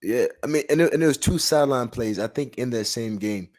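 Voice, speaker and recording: A man's voice: medium pitch, brisk, darkish tone. A man co-hosting a sports podcast, chatting casually in a blunt, slangy way. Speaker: podcast co-host. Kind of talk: casual sports commentary chat.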